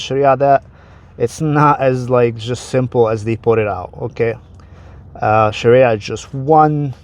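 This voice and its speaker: This medium-pitched man with a darkish tone is a casual vlogger explaining religion straight to the camera. Arabic is his first language, and he speaks conversationally, often repeating words and starting phrases over.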